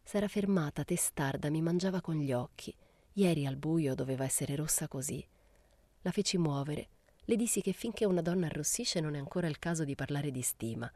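A woman narrating a literary audiobook in a measured, unhurried way. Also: deep voice, mellow, dry recording. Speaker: audiobook reader.

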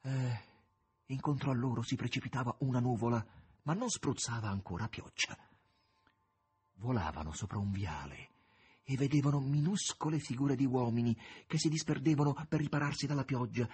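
A man giving an expressive, dramatic reading of a novel. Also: medium pitch, normal speed, slightly rough. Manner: dramatic, varied intonation. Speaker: audiobook reader.

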